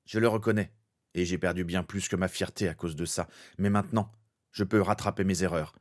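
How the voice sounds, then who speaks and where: Guy reading as a determined young wizard hero, deep voice, earnest, fanfic. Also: fairly even intonation, fairly quick, close to an everyday voice. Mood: resolute. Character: brave young male wizard hero, resolute. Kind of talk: fan fiction reading.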